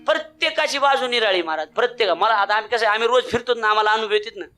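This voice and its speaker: A man's voice: sits high, very fast, soft background music. A man giving a humorous kirtan sermon, mimicking villagers and chanting devotional refrains. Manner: comic mimicry of villagers, lively bhajan chanting. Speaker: kirtankar preacher.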